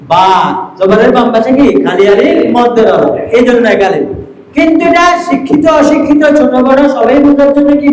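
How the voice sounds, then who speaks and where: A man teaching Arabic letter pronunciation in a class, asking questions and then answering them himself, drawing out the letter names. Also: very high voice. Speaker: Quran recitation teacher. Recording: echoey room, faint hiss.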